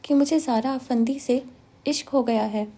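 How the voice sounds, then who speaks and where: A woman reading an audiobook, voicing a calm young man who speaks softly and tenderly. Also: very high voice, a little hiss or hum. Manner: calm, soft-spoken.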